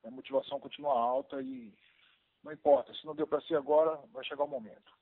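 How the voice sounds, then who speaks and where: Give me a man answering on speakerphone, quick and husky, sounding thin and distant. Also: a little high, very animated. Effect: on speakerphone, distant from the phone. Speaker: fighter. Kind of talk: conference call answer. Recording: tinny, far-off speakerphone line.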